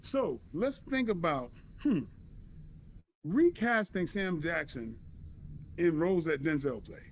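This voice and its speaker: A man's voice: on the high side, big pitch swings, slow, a little hiss or hum. An American man in a casual debate, insistently posing questions to the other person and swearing now and then.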